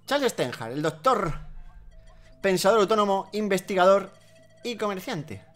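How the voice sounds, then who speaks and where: High-voiced Spaniard playing a game. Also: male voice, lively intonation, moderate pace, fairly bright tone, faint music behind. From Spain. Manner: joking, swearing, laughs often. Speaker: let's play host. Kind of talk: casual gameplay commentary.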